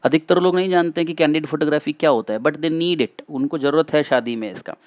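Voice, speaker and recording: A man's voice: a little high, a little fast, no echo. A man teaching vocabulary for competitive exams, mixing Hindi and English, repeating key points and asking his students questions. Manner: explains in mixed Hindi and English, repeats and asks the class questions. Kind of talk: exam-prep vocabulary lesson.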